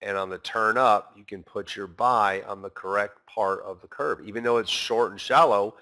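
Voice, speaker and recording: A man teaching a recorded trading lesson, animated and talking straight to his viewers, acting out a trader's inner voice. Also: fairly low pitch, normal speed. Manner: talks straight to the viewers as guys. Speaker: trading instructor.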